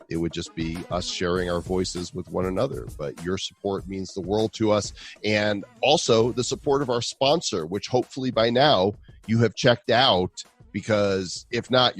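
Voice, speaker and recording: A podcast co-host from Illinois with a Chicago accent reads ads and chats in a hammy, playful way, swapping air and ear sounds. His voice is fairly low and a bit bright, recorded with no echo.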